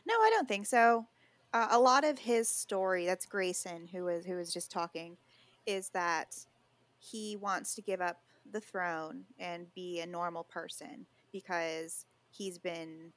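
A woman author explaining her story in a casual interview, animated and explanatory. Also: fairly low pitch. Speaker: author guest.

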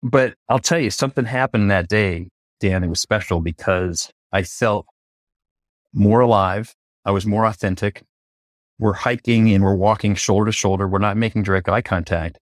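A middle-aged man from Atlanta, a coach giving an interview, who tells stories in an animated way and acts out the quoted dialogue. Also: fairly low pitch, dry recording, clean studio sound. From Atlanta, USA. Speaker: coach and facilitator, interview guest. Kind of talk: conversational interview storytelling.

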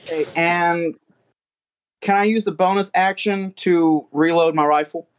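Brief: tabletop player, mid-pitched voice, descriptive and eager. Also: steady tone, unhurried. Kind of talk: tabletop game play.

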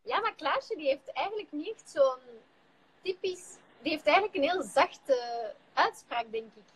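Giggly high-voiced Flemish woman. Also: expressive, unhurried, slight background noise, rough recording. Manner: giggly, chatty storytelling. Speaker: pop group member hosting a live stream. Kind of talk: casual chat. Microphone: phone on a live stream.

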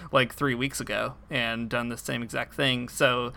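A man's voice: medium pitch, fairly even intonation, a little slow, vocal fry, sharp tone. A man co-hosting a podcast, chatting casually about a TV episode, laughing often and restarting his sentences. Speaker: podcast co-host.

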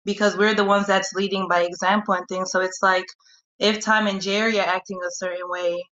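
A woman's voice: mid-range voice, flat delivery, brisk, a bit bright, muffled recording. A woman in her late twenties from Congo, calling in and speaking earnestly with lots of "like" and "um". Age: 20s. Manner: earnest, reflective, lots of fillers. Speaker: caller.

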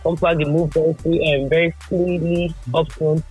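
A high, husky-voiced man with a Nigerian accent breaks down a football match, slipping pidgin into his reasoning. His voice comes out muffled, as if through a wall, because his mouth sits right against the mic. Faint music plays underneath. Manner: mixes pidgin into quick, lively analysis. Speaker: football pundit guest. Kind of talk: casual podcast chat. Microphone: mouth pressed right on the mic.

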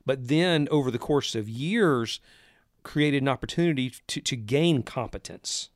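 A man in ministry, talking earnestly and reflectively in a casual conversation, telling his own story of a calling with lively retellings. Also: mid-range voice, unhurried, dry recording, studio quality. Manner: earnest storytelling, animated when recalling. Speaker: podcast co-host, minister.

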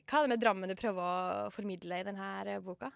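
A woman radio host talking in a relaxed, hesitant way and interviewing an author in the studio. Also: medium pitch, gravelly, no room sound.

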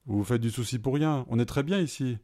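A man reading a story aloud, voicing a calm, matter-of-fact companion who reassures the others. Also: mid-range voice, fast talker, close to an everyday voice. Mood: reassuring. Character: calm pragmatic male companion.

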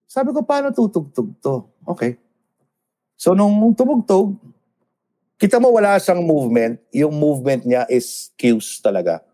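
A man on a casual chat show, telling animated backstage stories and switching between Tagalog and English. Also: fairly high pitch, measured pace, pauses often.

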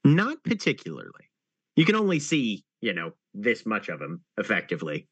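A man narrating a tabletop game as game master, unhurried and pausing often to think. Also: lowish voice, wildly swooping pitch, fairly bright tone, husky, dry recording, muffled recording. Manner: unhurried, with many thinking pauses.

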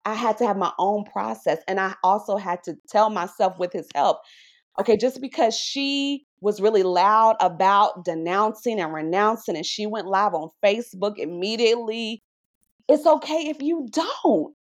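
Animated preacherly woman sharing testimony. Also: medium pitch, moderate pace. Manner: animated, preacherly, often asks "right?". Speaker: podcast guest. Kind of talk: faith testimony conversation.

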